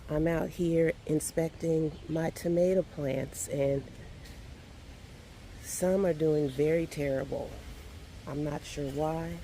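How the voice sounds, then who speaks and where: A woman's voice: sits low, creaky, warm tone, a little hiss or hum. A middle-aged woman, chatting enthusiastically to viewers as she works in her backyard garden. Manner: chatty, enthusiastic, talks to viewers while working. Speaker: home gardener vlogger. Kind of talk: casual garden walkthrough vlog.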